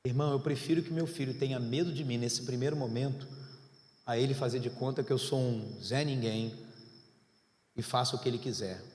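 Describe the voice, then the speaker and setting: A male pastor preaching a sermon, swinging from quiet, low passages to loud, shouted exhortation. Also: a little fast. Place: large church hall. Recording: echoey church hall with long reverb.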